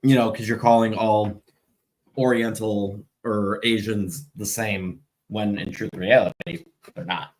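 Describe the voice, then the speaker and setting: A man's voice: on the low side, steady tone, unhurried. Rambling Illinois man on a podcast. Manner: rambling, repeats words when starting. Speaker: podcast co-host. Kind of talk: casual late-night chat.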